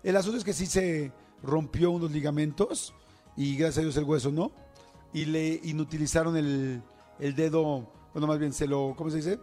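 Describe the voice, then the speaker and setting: Mexican man, middle-aged, mellow voice, slightly high, chatty storyteller, faint music behind. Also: normal speed. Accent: Mexican Spanish. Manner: chatty, animated, acts out screams and quotes. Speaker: radio show host. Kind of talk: casual storytelling to listeners.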